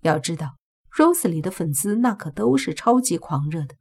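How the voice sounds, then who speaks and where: A woman giving a steady, scripted audiobook narration. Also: on the low side, moderate pace, husky.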